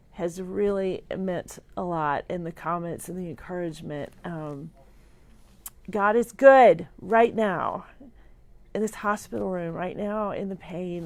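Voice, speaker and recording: A middle-aged woman speaks from a hospital room, weak and drowsy after surgery. Her voice sits slightly low and has a lot of vocal fry. She talks in a halting, sincere ramble, as in a personal livestream, and sometimes trails off. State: weak and groggy after surgery, on pain medication. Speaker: vlogger sharing a personal update.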